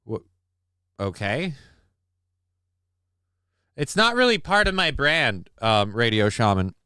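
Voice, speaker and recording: A very animated man with a medium-pitched, sharp yet clean voice takes it slowly while hosting a home live stream on a desk microphone. There is no room sound and the quality is studio-level; he jokes crudely and reads comments aloud like a mock-epic battle speech.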